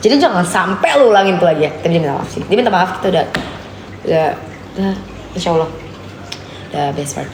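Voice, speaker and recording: Acting out the dialogue of a personal story, a young guest storyteller speaks on a casual live stream in an expressive, lowish voice. She talks at a quick pace broken by long pauses, and the echoey room carries faint background noise.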